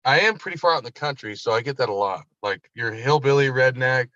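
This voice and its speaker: A man's voice: mid-range voice, lively intonation, quick pace, bright, forceful tone, dry recording. Casual swearing man, call-in from a parked car; slightly muffled, dry. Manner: loose, swearing, rambling. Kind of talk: casual chat. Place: parked vehicle, passenger seat. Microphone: phone.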